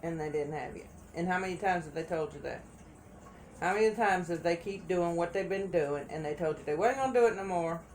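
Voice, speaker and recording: A woman's voice: lowish voice, a little fast, a little mellow, slight background noise. A woman giving a casual tarot reading, chatty and repeating phrases for emphasis. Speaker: tarot reader.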